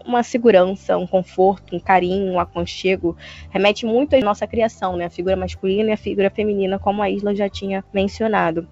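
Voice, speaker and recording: A woman in casual chat, reflective and earnest. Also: medium pitch. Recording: dull lo-fi sound with faint music.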